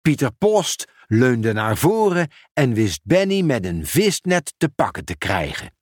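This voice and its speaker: A man narrates a children's storybook at an easy, unhurried pace. His voice is lively and rises and falls expressively through each sentence. The recording is close and dry, with no room sound. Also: mid-range voice, no room sound. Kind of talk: storybook read-aloud narration.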